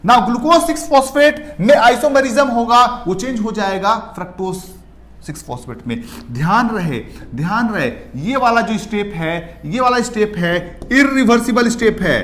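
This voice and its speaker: High-voiced man teaching biology. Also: animated, fairly bright tone. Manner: asks questions and answers them himself; mixes in English terms, stretches key words slowly. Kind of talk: exam-prep lecture over slides.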